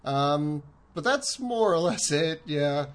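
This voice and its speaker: Co-host, Colorado accent, laid-back casual chat, mid pitch. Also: expressive, slow pace. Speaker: podcast co-host.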